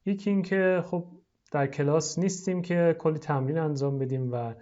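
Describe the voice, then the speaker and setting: A teacher explaining vocabulary in Persian, patient and instructional. English phrases are pronounced very slowly and clearly for learners to repeat. The recording sounds dull and lo-fi. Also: mid-range voice, mellow. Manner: explains slowly, then models English words drawn out for repetition. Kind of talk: online lesson in Persian.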